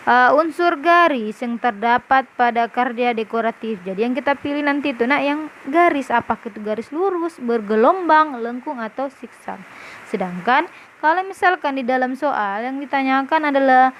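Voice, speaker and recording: A woman teacher with a fairly high voice goes through a lesson review for her pupils, patient and step by step. She keeps checking that they follow. A faint hiss sits under the recording. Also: a bit bright. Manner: patient, explaining step by step, often asks "paham?". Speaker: primary school teacher. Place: classroom with a whiteboard.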